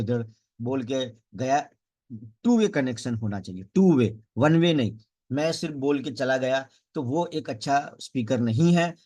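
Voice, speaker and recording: A man teaching public speaking as an emphatic coach, demonstrating rises, falls and pauses in speech. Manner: emphatic teacher, varies pace and pitch to show speech rhythm. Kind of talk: spoken tutorial lesson.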